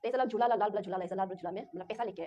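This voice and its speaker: A woman's voice: medium pitch, very fast, warm tone, a little hiss or hum. A young woman from Arunachal Pradesh, a local language her first tongue, giving a rambling, distressed first-person account. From Arunachal Pradesh, Northeast India. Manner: rambling, repetitive, distressed retelling. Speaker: interviewee. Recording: dull lo-fi recording.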